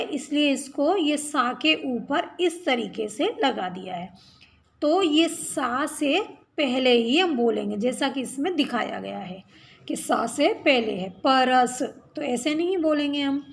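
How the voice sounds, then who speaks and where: Woman, reading teacher, slow deliberate pace, patient, repeats words, asks checking questions. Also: sits high, creaky. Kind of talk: slow children's reading lesson.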